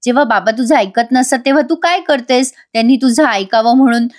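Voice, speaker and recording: Woman doing a young wife, headstrong, teasing, insistent, caring, fairly high voice. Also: a little fast, close to an everyday voice.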